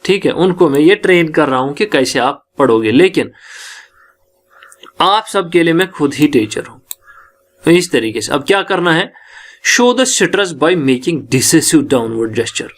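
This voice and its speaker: A man with a Kashmiri accent teaching an English lecture in Hindi, reading English passages slowly and then explaining them. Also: on the high side, animated.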